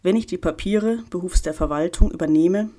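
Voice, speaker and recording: A woman voicing a composed, stern older gentleman who speaks in a calm, measured way. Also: lowish voice, natural voice.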